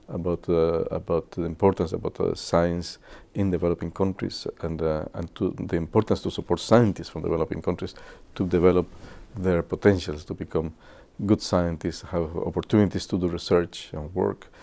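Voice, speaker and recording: A very low, gravelly man reminisces to students. His voice is dark and mellow. He speaks in a halting way and pauses often on "uh". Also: fairly even intonation. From Guatemala. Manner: halting, with many filler pauses. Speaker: physicist.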